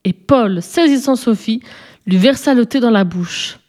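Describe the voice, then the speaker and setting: A woman reading a children's story aloud in a gentle, measured way. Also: a little high. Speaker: narrator.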